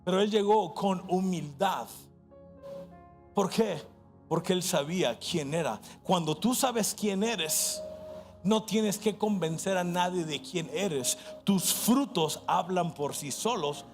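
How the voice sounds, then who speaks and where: A man with a Mexican Spanish accent preaching a sermon as pastor, impassioned, switching between quick asides and slow, stressed phrases, and shouting at the peaks. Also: sits high, soft background music.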